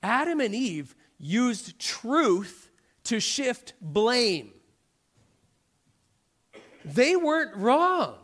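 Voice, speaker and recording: A man's voice: very high-pitched, big pitch swings, drawn-out words, long pauses, a bit bright. A middle-aged man preaching a sermon in a conversational way, often checking in with "right?". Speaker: pastor.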